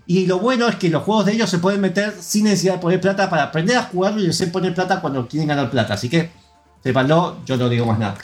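A man's voice: sits high, fast talker, soft background music. A man with an Argentine accent hosting a podcast in casual chat, rambling and opinionated with lots of fillers. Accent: Argentine Spanish. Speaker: podcast host.

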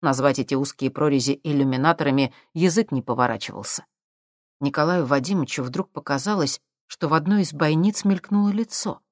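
A man narrating an audiobook in a steady, measured reading. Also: on the high side, dry recording, clean studio sound. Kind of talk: scripted narration.

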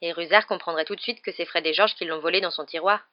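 A woman voicing a calm teenage boy wizard who speaks steadily and matter-of-factly, in a dull lo-fi recording. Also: lowish voice, fast, no room sound, close to an everyday voice. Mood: steady.

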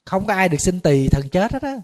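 Buddhist monk, slightly high-pitched man, preaching in a chatty storytelling way. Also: fairly quick. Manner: conversational storytelling, animated when retelling shouting. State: a little tired. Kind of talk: dharma talk.

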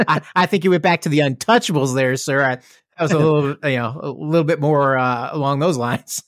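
A man's voice: fairly high pitch, moderate pace, no room sound, clean studio sound. A man co-hosting a casual movie podcast, wryly steering the talk. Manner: wry, steers the conversation. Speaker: podcast co-host. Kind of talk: casual chat.

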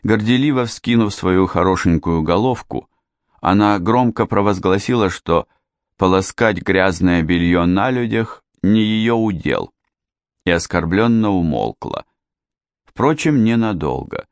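Deep-voiced male audiobook narrator. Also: expressive, measured pace, no echo.

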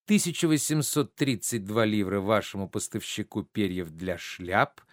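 A man's voice: on the low side, expressive, moderate pace, no echo, clean studio sound, close to an everyday voice. Man doing a gullible, fawning bourgeois. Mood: reckoning. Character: gullible eager middle-aged bourgeois man.

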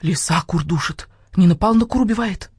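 A panicky chicken chorus, as a woman puts it on, shrill, squawking and loud, with chanted slogans pitched high above her own voice. The sound stays dry and close. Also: fairly quick, husky, no echo. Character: shrieking flock of hens and a rooster.

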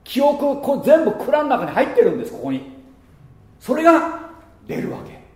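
A man preaching a sermon as pastor, lively and playful, slipping into muttered mocking asides. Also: very high-pitched, moderate pace, echoey room. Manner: lively, mutters mocking asides and laughs at his own jokes.

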